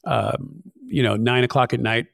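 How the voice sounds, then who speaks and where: A man's voice: medium pitch, normal speed, gravelly, fairly bright tone, no echo, clean studio sound. A man, a podcast host, candidly recounting a personal story in casual chat. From California. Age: older. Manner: candid, plain-spoken, recounting events.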